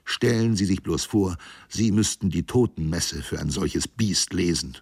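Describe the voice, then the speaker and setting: A man voicing a feverish, raving old ship's mate who mocks and rants, his voice gravelly and breaking into shrill shrieks. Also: a little slow, a little mellow, no room sound, exaggerated voice. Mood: scornful. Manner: mocking, ranting, voice cracks into shrieks.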